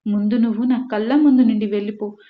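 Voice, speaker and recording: A woman reading the part of a bedridden mother, scolding loudly and bitterly. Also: on the high side, fairly even intonation, fast, natural voice. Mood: furious scolding. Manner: shouting, scolding. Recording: echoey room, dull lo-fi.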